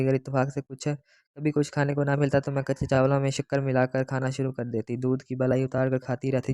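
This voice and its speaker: A male audiobook reader narrating a first-person story in a steady manner. His voice is warm and smooth, with little rise and fall, and it sounds dry and close. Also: mid-range voice, no room sound.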